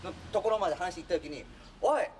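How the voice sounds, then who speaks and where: A man with a high voice talks fast as he casually tells a funny true story, acting out the voices of the people in it and laughing along the way. The distant mic picks up clear background noise.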